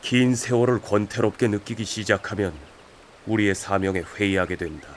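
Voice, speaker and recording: A man's voice: lowish voice, moderate pace, slight background noise, lightly acted. A man playing a stern, ancient wizard master in a radio drama, solemnly admonishing his pupil.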